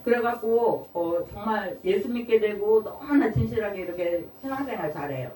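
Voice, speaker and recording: A woman pastor giving a conversational sermon. She often turns to the congregation with a quick question, and she acts out pleading quotes in a raised voice. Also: mid-range voice, lively intonation, dark tone. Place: church hall. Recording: roomy church from a distant mic with faint hiss.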